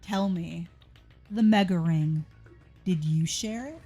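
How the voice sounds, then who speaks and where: A woman reading out the lines of a calm, menacing male villain leader from a video game, slow and solemn. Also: on the low side, slightly rough, faint music behind, pitched below the performer's own voice, heavily acted.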